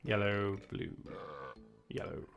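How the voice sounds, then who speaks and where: Welsh guy streaming a game, chatty, bit gravelly, faint music behind. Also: fairly low pitch, steady tone, slow pace. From Wales. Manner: chatty, reads out viewer chat. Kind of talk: casual gameplay commentary.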